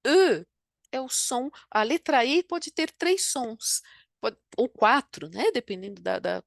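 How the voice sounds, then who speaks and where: A woman's voice: fairly high pitch, animated, takes it slowly, vocal fry, dry recording, studio quality. A woman from Brazil with a Brazilian Portuguese accent, teaching French pronunciation in an online lesson and often checking in with tag questions. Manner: explanatory, frequent tag questions. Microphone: computer microphone while drawing with a mouse.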